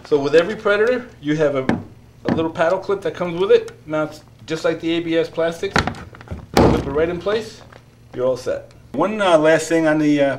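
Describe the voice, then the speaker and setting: Middle-aged male presenter, casual and explanatory with fillers, recorded on a camera mic in a roomy store. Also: a little high. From New Jersey. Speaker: kayak fishing presenter. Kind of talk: product demonstration. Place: large indoor kayak shop. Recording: roomy shop echo, faint noise.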